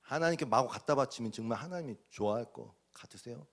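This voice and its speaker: A man preaching a sermon as pastor, dramatic, acting out voices and swinging from loud bursts to near whispers. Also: mid-range voice, fast talker, vocal fry.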